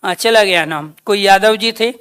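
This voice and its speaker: A woman teaching a grammar class, speaking slowly and dictating points, posing questions to her students and then answering them. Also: medium pitch, a bit bright, smooth, no echo, clean studio sound. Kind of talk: online class lecture.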